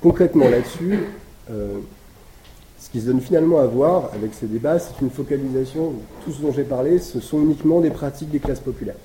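Male lecturer, mid-pitched, explains at length with frequent pauses, echoey room, steady background noise. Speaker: lecturer presenting historical research. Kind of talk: academic talk.

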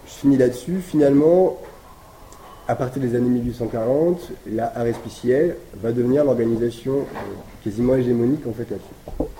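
A man giving an academic talk, explaining step by step and pausing often to find his words. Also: mid-range voice, mellow. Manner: explanatory, thinks aloud with frequent pauses. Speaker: lecturer presenting historical research. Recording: echoey room with background noise.

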